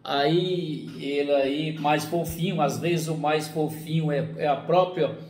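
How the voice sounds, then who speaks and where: Animated man in an echoey room. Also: a little high, slow. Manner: animated, acts out quoted parents and children. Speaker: psychologist giving a talk. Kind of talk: explanatory talk. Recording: echoey room with faint ambience.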